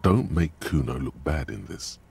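A man voicing the stern inner narrator of a detective video game, speaking in a grave, measured, coaching way. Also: rumbling low, vocal fry, a little mellow, breathy edge, exaggerated voice. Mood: calm coaching.

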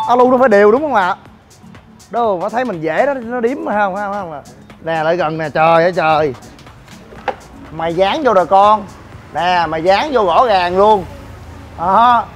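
Exasperated high-voiced man. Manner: exasperated, scolding, talks to viewers. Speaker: gym owner and vlogger. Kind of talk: ranting vlog walk-through.

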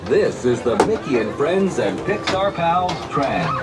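A man giving a formal, clearly enunciated recorded safety announcement, played over an outdoor loudspeaker. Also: a little high, sing-song, measured pace, far from the mic, loud music behind the voice. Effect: played over the tram's outdoor loudspeaker.

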